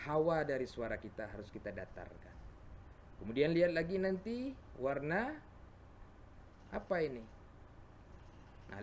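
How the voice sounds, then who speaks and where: Patiently guiding children through Quran recitation, an Indonesian-accented man poses questions and answers them himself, then chants the verses slowly and loudly. His pitch is fairly high, and a little hiss or hum runs under the recording.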